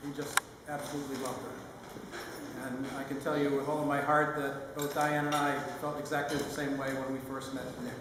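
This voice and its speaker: A man's voice: medium pitch, level tone. Older man's echoey father of the bride speech. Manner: halting, with pauses mid-phrase. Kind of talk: father of the bride speech, sentimental and lightly humorous. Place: large reverberant room at a wedding reception. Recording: echoey hall, distant mic, noisy room.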